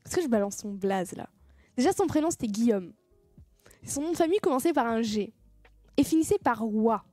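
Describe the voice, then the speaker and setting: Young woman streamer, high voice, loose chatty delivery with swearing, dry close sound, faint music underneath. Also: lively intonation, brisk, dark tone, dry recording. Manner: chatty, swearing, thanking viewers. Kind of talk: casual live-stream chat.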